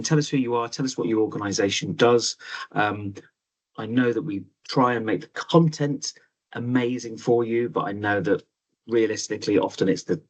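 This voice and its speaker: Husky low-voiced man hosting a webinar. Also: low-quality recording. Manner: chatty, hesitant with many ums. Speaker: webinar host. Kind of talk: casual online presentation.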